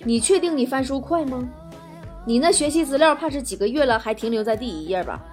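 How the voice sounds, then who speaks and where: A woman's voice: sits high, animated, a little fast. A woman hosting a comic talk show, reading out listener messages and answering them with teasing, punchy wisecracks. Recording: music playing behind the voice.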